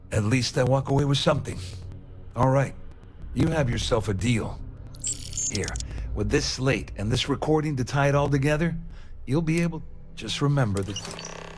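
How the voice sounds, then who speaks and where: A man's voice: mid-range voice, a little hiss or hum, natural voice. A man playing a bitter, vengeful crook in a video game, talking in a slangy, cynical way. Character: bitter, vengeful male crook cutting a deal. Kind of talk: video game dialogue acting. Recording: music behind the voice.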